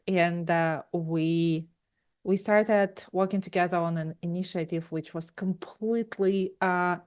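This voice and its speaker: Speaking as a guest on a podcast, a Ukrainian-accented tech founder in her forties recounts her career through meandering interview answers, often restarting and filling pauses. Her voice sits lowish, clean and slightly mellow.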